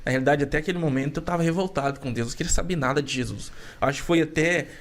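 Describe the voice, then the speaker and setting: A man's voice: on the high side, very fast. A man, a podcast guest telling his faith testimony in an earnest, emotional, casual way. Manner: earnest and emotional, with frequent "cara" and restarts.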